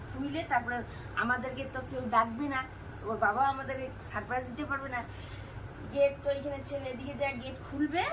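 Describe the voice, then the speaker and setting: A middle-aged woman with a Rajbanshi Bengali accent, chatting to her viewers and animatedly retelling family conversations. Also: sits high. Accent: Rajbanshi Bengali of North Bengal. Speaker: family vlogger. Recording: distant mic with loud room noise.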